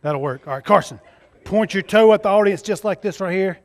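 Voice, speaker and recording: A fairly quick, high-sitting voice belongs to a stage magician from Mississippi who, in a Southern US accent, performs with a child volunteer, coaching the kid through showy, jokey party-magician patter at a live kids' show.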